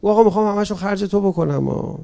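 A male preacher telling a mourning story in a sermon, fervent, swinging from loud pleading to hushed lines. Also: high voice, gravelly.

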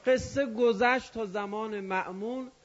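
A male preacher telling a devotional story in an emotional, drawn-out sermon style. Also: sits high. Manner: emotional, drawn-out dramatic narration. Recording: dull lo-fi recording.

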